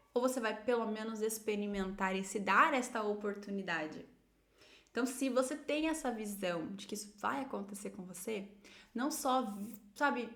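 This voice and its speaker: An encouraging English teacher, a woman with a Brazilian Portuguese accent, speaks in a slightly high voice. She slows right down to spell out English example phrases for her learners. The recording has a noticeable room echo. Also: a bit bright. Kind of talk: online English lesson.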